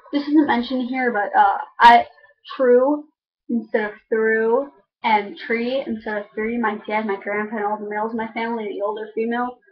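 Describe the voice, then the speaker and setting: Casting: young woman, Chicago accent, fairly high voice, casual rambling vlogger delivery, dull lo-fi recording. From Chicago suburbs, United States. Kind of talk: casual chat to camera. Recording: dull lo-fi microphone.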